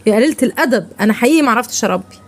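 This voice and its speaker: A woman's voice: fairly high pitch, expressive. An actress with an Egyptian accent playing a strict mother who scolds and gives orders to her eldest daughter. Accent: Egyptian Arabic. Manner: bossy, scolding, fast. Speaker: mother in a family skit.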